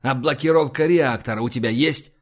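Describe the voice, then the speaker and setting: A man's voice: medium pitch, moderate pace, lightly acted. A man voicing a shrewd, sardonic male admiral in a sci-fi audiobook, dry and conspiratorial.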